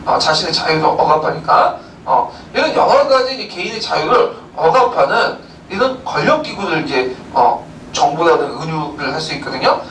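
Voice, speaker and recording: Man lecturing history, high animated voice, asks and answers own questions, roomy distant sound. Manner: explains with rhetorical questions, many filler "uh"s. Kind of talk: recorded lecture. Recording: roomy, distant mic, faint background noise.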